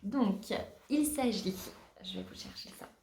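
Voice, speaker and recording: A woman's voice: medium pitch, huge pitch swings, measured pace, darkish tone, slight background noise. A woman hosting a knitting podcast in casual chat, hesitant with many fillers and restarts. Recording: roomy echo.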